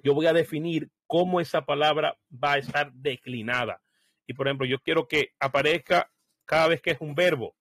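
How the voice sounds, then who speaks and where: A fairly high-pitched man explains, step by step, how to run searches in Bible software during a relaxed screen-share lesson. He thinks aloud and frequently pauses on filler words, and the recording is dry.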